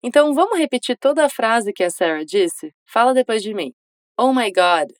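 A woman giving a scripted English lesson, modeling phrases slowly and encouraging the listener to repeat. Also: fairly high pitch, lively intonation, no echo. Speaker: English teacher.

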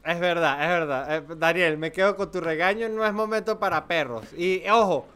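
A man's voice: high voice, moderate pace, bright, forceful tone, clear, resonant tone. A Venezuelan man in his thirties co-hosting a podcast, joking and self-mocking in slangy casual chat. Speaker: podcast co-host.

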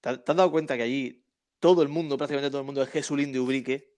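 Casting note: man, chatty storyteller, medium pitch, casual football podcast co-host. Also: steady tone, racing, a little mellow. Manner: chatty storyteller, frequent tag questions.

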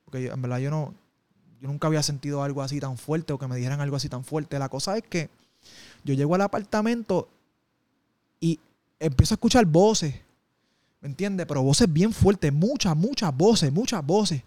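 Intense man, fairly high voice. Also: normal speed, dark tone, no echo. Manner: intense, emotional storytelling with street slang. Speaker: interview guest. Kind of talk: personal testimony in conversation.

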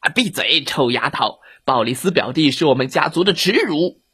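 A boastful male wolf from a children's storybook, voiced by a storyteller, gruff and bragging but quick to panic. The voice is a little husky and swings wildly up and down. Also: mid-range voice, animated, a bit bright. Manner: gruff, bragging, easily flustered.

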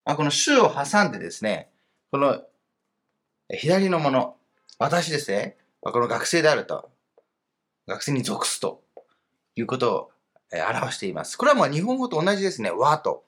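A man's voice: mid-range voice, wildly swooping pitch, normal speed, pauses often, a bit bright, husky. A man teaching a grammar lesson online in a patient, explanatory way. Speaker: language teacher.

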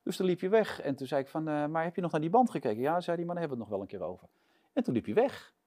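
A man being interviewed, telling a long anecdote in a lively way and acting out the shouts and lines of the people in it. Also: on the high side, very fast. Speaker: interview guest, sports presenter.

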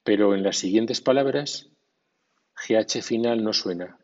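A man teaching English pronunciation in a scripted lesson, spelling out letters and reading word lists slowly and deliberately. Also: fairly low pitch. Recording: dull lo-fi recording.

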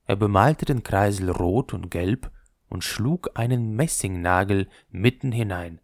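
A man narrating a fairy tale, reading in an expressive storytelling manner. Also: unhurried, no room sound, clean studio sound. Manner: expressive storytelling with lively pitch.

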